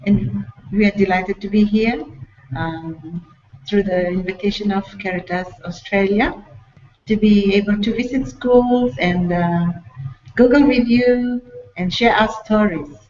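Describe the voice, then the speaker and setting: A woman's voice: medium pitch, measured pace, a little mellow. A woman from Fiji, a guest giving a gracious greeting on a video call. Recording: distant, muffled video call.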